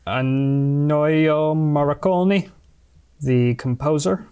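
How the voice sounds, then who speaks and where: A man co-hosting a podcast, chatting in a relaxed way and sharing trivia. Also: a little high, very slow, clean tone. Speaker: podcast co-host. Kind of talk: casual chat.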